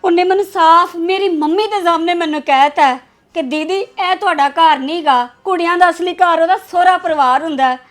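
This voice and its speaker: A hurt married daughter, played by a woman, complains through tears. Her voice is very high and aggrieved, in a homemade family drama. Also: brisk. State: crying.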